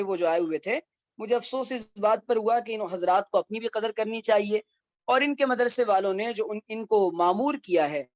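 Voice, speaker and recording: A man's voice: high-pitched, a little mellow, no room sound. Dry-voiced man teaching a religious lecture. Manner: conversational, with wry asides and rhetorical questions. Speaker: mufti teaching Islamic law.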